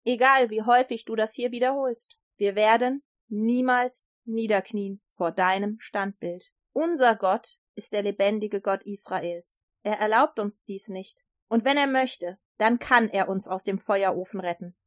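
A woman voicing three young men who calmly and firmly refuse a king's order. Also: mid-range voice, measured pace, hardly any pauses, dry recording, studio quality, natural voice. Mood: steadfast. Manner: firm, calm refusal. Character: three steadfast young men defying a king.

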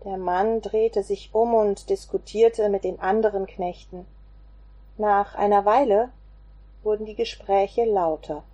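Slow, expressive woman storyteller. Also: medium pitch. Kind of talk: reading a children's Bible story aloud.

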